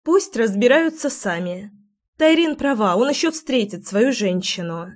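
A woman voicing a stubborn, sharp-tongued young sister who insists in a raised, higher voice. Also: animated, a little slow. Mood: insistent.

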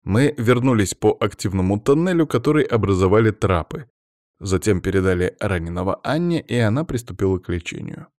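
A man reading an audiobook as narrator, in steady, measured first-person storytelling. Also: fairly low pitch, no echo, studio quality.

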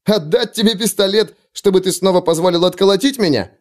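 A man voicing a young prince, arrogant and panicky, whose voice goes shrill and cracks when he shouts. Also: fairly quick, close to an everyday voice. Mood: mocking angry.

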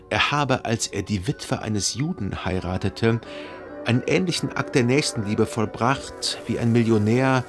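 A husky-voiced actor, natural-sounding and mid-range in pitch, narrates as a reflective gentleman looking back on his memories. The literary radio drama calls for careful, articulate, measured delivery.

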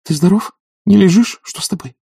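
Man reading as a probing young woman in an audiobook, raised pitch, impatient, husky. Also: brisk, warm tone, no echo, studio quality, recorded from a distance, heavily acted. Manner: questioning, impatient.

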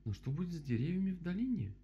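A man voicing a big, earnest female bear with a raised, drawn-out voice in a storybook reading. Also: a little high, very animated, warm tone, pitched above the performer's own voice. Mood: eager. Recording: dull lo-fi with faint hum.

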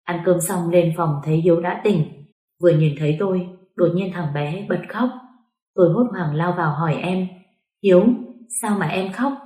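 A woman reading a first-person story aloud as an audiobook narrator, with steady, emotional delivery. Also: on the low side, moderate pace. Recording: roomy echo.

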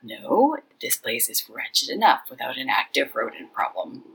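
A woman's voice: a bass voice, big pitch swings, moderate pace, creaky, a bit bright, slight background noise, voice pushed down, full character voice, poor audio. A woman reading the part of a weary, stern male master with an exasperated, dry delivery.

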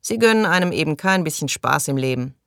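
A woman reading the lines of a coarse, sneering man in an audiobook, scornful and crude, her voice low and the sound dry. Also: lively intonation, brisk, a bit bright, clear, resonant tone, no echo. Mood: mocking.

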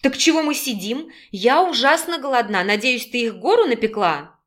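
A woman's voice: fairly high pitch, expressive, moderate pace, fairly bright tone. An outspoken, impulsive young woman talks with open indignation and little restraint, played by a woman reading a storybook. She is the younger sister and says whatever comes to mind. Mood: eager.

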